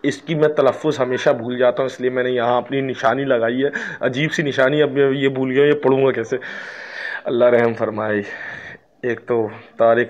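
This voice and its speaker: A man's voice: mid-range voice, lo-fi sound. A man with a Pakistani Urdu accent teaching English in a casual spoken lesson, drawing out example sentences and joking between them. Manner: slow, drawn-out English example sentences, jokey asides.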